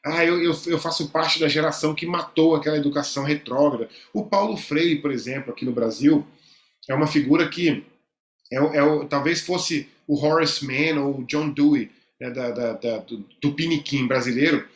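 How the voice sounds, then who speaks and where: Brazilian male teacher, fairly high voice, chatty and halting, echoey room. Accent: Brazilian Portuguese. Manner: conversational, many fillers and repeated words. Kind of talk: online lecture with screen drawing.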